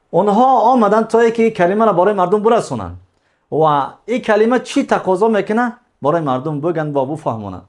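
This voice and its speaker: A man's voice: high-pitched, darkish tone. A man teaching a religious lesson, explaining step by step, repeating key phrases and answering his own questions.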